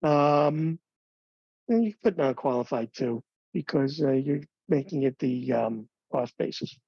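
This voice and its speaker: A man training advisors on planning software in a relaxed, conversational webinar, with fillers and light jokes. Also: medium pitch, unhurried, gravelly, breathy edge, no echo. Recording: dull, dry webinar audio.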